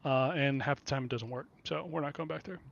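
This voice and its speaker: A man's voice: mid-range voice, fairly quick, gravelly, a bit bright, slight background noise. A man hosting a casual podcast chat, blunt and profane, laughing often, from the Kansas City area. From Kansas City area, USA. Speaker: podcast host. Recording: dull lo-fi dry sound.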